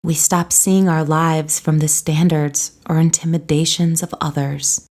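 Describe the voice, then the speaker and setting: This is a guided meditation led by a woman whose voice sits fairly low. Her tone is mellow and relaxed, and she moves through her script very slowly with a soothing, gentle delivery.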